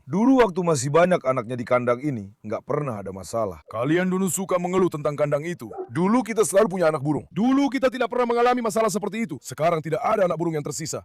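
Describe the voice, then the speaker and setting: A man dubbing a farm owner's vlog commentary, excitable and often calling out to his animals and viewers. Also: on the high side, no echo. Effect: dubbed voice-over.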